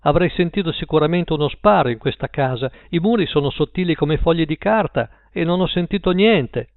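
A man reading an audiobook and voicing a small, prim balding man who speaks with smooth politeness. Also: fairly high pitch, expressive, a little fast, no room sound. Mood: polite cover. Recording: tinny phone-like line.

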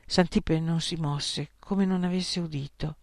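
Gravelly male audiobook narrator. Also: fairly high pitch, fairly even intonation, no room sound, clean studio sound. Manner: measured, ironic storytelling.

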